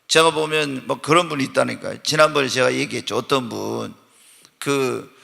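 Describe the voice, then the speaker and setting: A pastor preaching a Wednesday night church sermon, animated and full of rhetorical questions put to the congregation, sometimes bursting into loud shouted emphasis. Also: male voice, medium pitch, moderate pace, vocal fry, slightly rough. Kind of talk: Korean evening church sermon. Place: church sanctuary during a Wednesday night service. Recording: long church-hall reverb.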